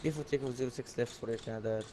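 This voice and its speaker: A man acting as a flight simulator pilot who talks over a cockpit headset radio and reads back clearances in brisk, clipped phraseology. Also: mid-range voice, fairly even intonation, very noisy. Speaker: flight simulator pilot talking to air traffic control.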